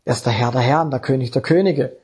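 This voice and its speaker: Husky, emphatic male preacher. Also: mid-range voice, fast talker, a little mellow. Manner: emphatic, keeps checking in with the audience. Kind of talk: sermon.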